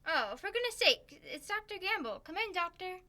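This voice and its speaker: A young actress in a school radio play voicing a patient, sensible wife who gently corrects her husband. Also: very high voice, sing-song, normal speed, full character voice. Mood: polite. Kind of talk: old-time radio comedy acting.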